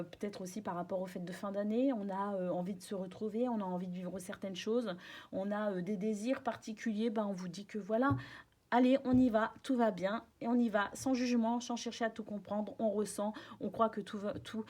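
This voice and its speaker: A woman gives a casual tarot reading in a fairly high voice. She talks gently and reassuringly, and her sentences are full of small hesitations. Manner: gentle, reassuring, frequent fillers and soft laughs. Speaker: tarot reader.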